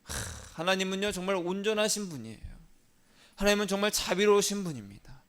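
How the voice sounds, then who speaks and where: A male pastor delivers a sermon in a voice pitched a little above the usual for a man. He teaches by asking questions and answering them himself, and he has the listeners repeat short lines after him. His delivery moves between stressed, louder phrases and quiet asides. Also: brisk. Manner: swings between loud stressed phrases and soft low asides.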